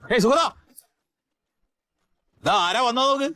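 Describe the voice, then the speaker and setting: An actor playing an anxious friend who tries to calm a quarrel, in a placating, fussy manner. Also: male voice, very high-pitched, takes it slowly, no room sound, heavily acted. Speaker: sitcom character.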